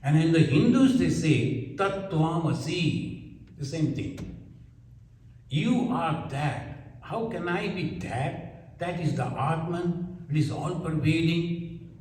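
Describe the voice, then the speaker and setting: A man with a Bengali accent teaching scripture, explaining slowly and repeating his phrases. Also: on the high side, expressive, darkish tone, a little hiss or hum. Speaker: spiritual teacher. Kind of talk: scripture lecture. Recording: echoey hall from far off.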